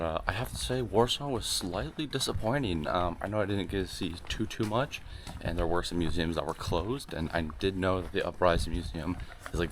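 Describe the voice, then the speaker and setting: A young man from Canada, talking casually on a travel vlog with many fillers while walking outdoors. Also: sits low. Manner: relaxed, rambling with many fillers. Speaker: travel vlogger. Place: city streets outdoors. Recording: noisy outdoor street recording.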